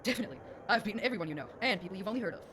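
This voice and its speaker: An actress playing a thin-skinned, boastful Nord fighter in a video game, with combative, rough folksy speech. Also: female voice, medium pitch, animated, rapid-fire, noisy background, natural voice. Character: brash, thin-skinned strong Nord brawler woman. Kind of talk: video game character dialogue. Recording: sped-up game audio under music.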